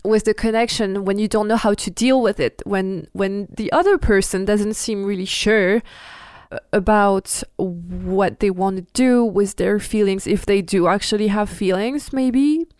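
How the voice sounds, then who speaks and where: A woman's voice: mid-range voice, unhurried, a little mellow, clear, resonant tone, dry recording. A woman hosting her own podcast, talking frankly and playfully in a casual monologue, often laughing and correcting herself as she goes. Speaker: podcast host.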